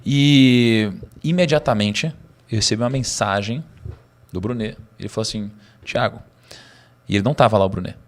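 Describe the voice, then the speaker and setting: Speaking fairly quickly in a lower register, this man guests on a podcast and tells a personal anecdote conversationally. His Brazilian Portuguese accent comes through as he talks with animation, uses slang and lets out bursts of laughter.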